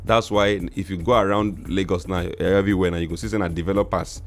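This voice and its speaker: A man's voice: low-pitched, fairly even intonation, fast talker. A middle-aged Nigerian man explaining things as an interview guest in Nigerian Pidgin mixed with English, repeating words for emphasis. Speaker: real estate expert guest.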